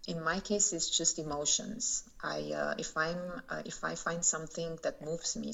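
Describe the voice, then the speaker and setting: A poet and translator answers interview questions in a low, gravelly woman's voice, speaking haltingly and thoughtfully with many fillers and restarts. The recording is dull and lo-fi.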